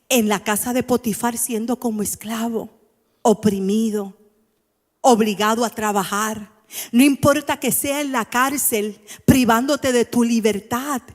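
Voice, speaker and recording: A woman preacher with a high, bright-pitched voice delivers an emphatic sermon and keeps turning to the congregation with rhetorical questions. Her words ring out with a long reverb from a large church hall.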